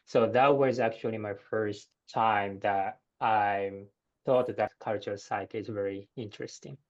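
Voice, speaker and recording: A man in his thirties from Japan, with a Japanese accent, answering interview questions in a measured way with many "uh" pauses. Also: on the low side, steady tone. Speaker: guest researcher. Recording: dull lo-fi sound.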